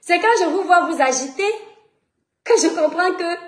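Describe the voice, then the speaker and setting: Speaking at a moderate pace in a room with noticeable space, this very high-pitched woman is a social media personality in France. Originally from Cameroon and carrying a Cameroonian French accent, she fires rhetorical questions while mocking and confronting critics in an angry rant to her followers.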